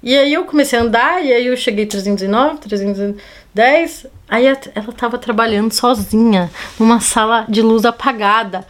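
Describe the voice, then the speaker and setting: Lively woman podcast host. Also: a little high, normal speed. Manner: animated storyteller, acts out dialogue. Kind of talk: casual storytelling chat.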